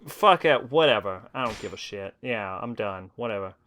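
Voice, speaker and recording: A man's voice: fairly low pitch, lively intonation, moderate pace, a bit bright. A drunk man with a mixed Californian and Southern American accent, rambling bluntly and profanely as he casually commentates on a game stream. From United States. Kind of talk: casual livestream gameplay commentary.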